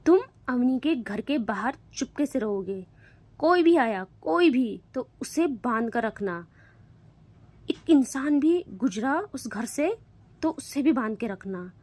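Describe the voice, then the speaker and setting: An enraged young woman, as a female storyteller acts her out, shouting her demands in a high, forceful voice. She is hot-tempered and threatening. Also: expressive, takes it slowly, dry recording.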